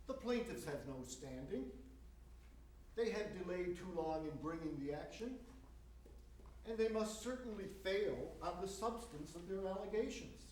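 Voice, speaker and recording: A man's voice: a little high, darkish tone. A man playing a firm, dismissive opposing lawyer in a dramatic reading, setting out points in a formal, emphatic way. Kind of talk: dramatic reading of a legal argument. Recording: echoey room, distant mic, faint noise.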